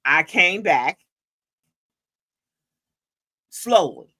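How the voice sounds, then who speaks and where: Rich: A woman with a bright, forceful voice chatting casually. She tells her own stories with energy. She leaps into character when she quotes people. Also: lowish voice, slow pace, husky. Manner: animated storyteller, acts out quotes. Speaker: co-host. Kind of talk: casual gossip chat.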